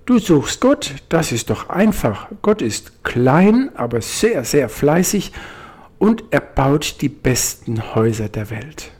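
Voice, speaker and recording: A man voicing a tiny, busy ant that speaks in a high, emphatic voice, in a storybook telling. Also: sing-song, darkish tone, breathy edge, full character voice. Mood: brisk. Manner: squeaky, hurried, emphatic.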